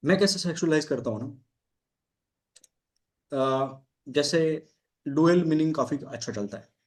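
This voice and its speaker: This is a man hosting a relaxed podcast conversation as a dating coach. His voice sits a little above the usual male pitch. He spins personal anecdotes in a Hindi and English mix and laughs freely as he talks. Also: measured pace. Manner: storytelling, mixes Hindi with English, laughs often. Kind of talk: casual podcast chat.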